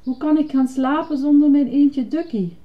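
A woman voicing an excitable, fussy, childlike male puppet in a high, dramatic, insistent voice while reading a storybook aloud. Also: moderate pace, lightly acted. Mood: upset. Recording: dull lo-fi recording.

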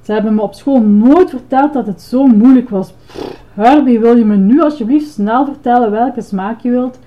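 A woman's voice: fairly high pitch, moderate pace, natural voice. A woman puts on a cheerful male ice cream monster from a storybook. He chants his list proudly and is keen to please every customer. The sound is dull and lo-fi. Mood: flustered.

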